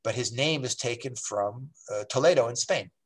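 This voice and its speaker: Rabbi explaining history conversationally. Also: male voice, mid-range voice, normal speed, husky. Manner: digressive, with frequent fillers and restarts.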